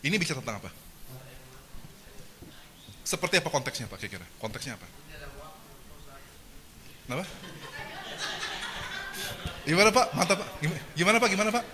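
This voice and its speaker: Animated man lecturing a seminar. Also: fairly high pitch, a little fast, pauses often. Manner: animated, engages the audience with questions and jokes. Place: lecture hall.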